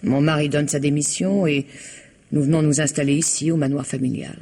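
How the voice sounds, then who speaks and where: A little hiss or hum accompanies this fairly quick, flat, low-sitting woman's voice. Acting in a 1960s French radio drama, she portrays the proud, reticent wife of a missing man, guarded and emotional while being questioned, sometimes lowering to a hush.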